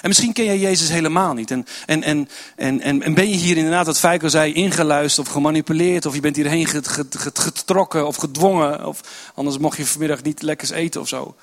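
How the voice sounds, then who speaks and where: A man preaching a sermon in a church service, earnest and repetitive, dropping to a soft voice for prayerful lines. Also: on the high side, brisk, few pauses.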